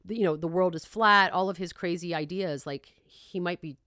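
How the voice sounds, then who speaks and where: A woman's voice: fairly low pitch, moderate pace, sharp tone, dry recording, clean studio sound. A woman hosting a podcast in casual chat, with a wry, self-deprecating way of talking. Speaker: podcast host.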